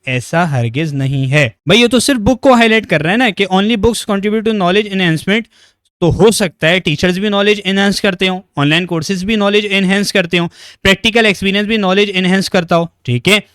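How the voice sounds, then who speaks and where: A young male teacher talks students through exam questions in a slightly raised voice. He coaxes them along, keeps checking that they follow, and slows right down to read each English sentence. The recording is close and dry, with no room sound. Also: high-pitched, a bit bright, no echo. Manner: reads English sentences slowly and deliberately. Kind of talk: exam-prep lecture.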